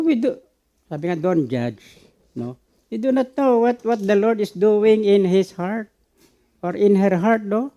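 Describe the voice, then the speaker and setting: Gravelly-voiced Filipino pastor, slow sermon. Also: male voice, sits high, mellow. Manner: switches between Tagalog and English, asks the congregation questions.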